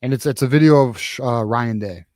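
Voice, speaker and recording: A man's voice: medium pitch, a little fast, darkish tone, dry recording, clean studio sound. A man hosting a postgame sports talk show, ranting casually with profanity and frequent restarts. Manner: profane, heated, rambling with many restarts. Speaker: podcast host.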